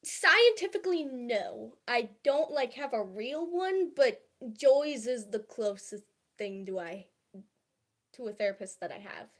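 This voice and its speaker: A young woman chats on her livestream in a slow, slightly high voice. She talks hesitantly, full of fillers and restarts, confiding softly about how she feels. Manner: confiding and soft-spoken about feelings. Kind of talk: casual livestream chat.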